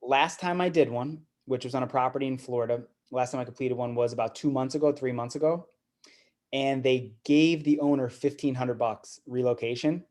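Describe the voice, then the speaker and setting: Man, seminar speaker, conversational, mid-pitched voice, fillers and repeats. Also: normal speed, a little mellow. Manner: conversational, repeats words, fillers like "you know". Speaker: guest speaker at investor meeting. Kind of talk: casual seminar talk.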